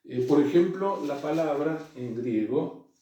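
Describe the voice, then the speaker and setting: Slow, hesitant man teacher. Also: a little high, expressive, mellow. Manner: hesitant, many fillers and restarts. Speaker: Greek teacher. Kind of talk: classroom lecture. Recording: echoey room, voice far from mic.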